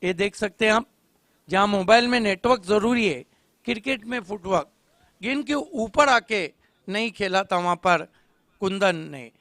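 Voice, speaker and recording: With a smooth, crisp voice pitched high and bright, an expressive man commentates live tennis-ball cricket, quick-witted and loud when big moments hit. The recording is close and dry, without echo.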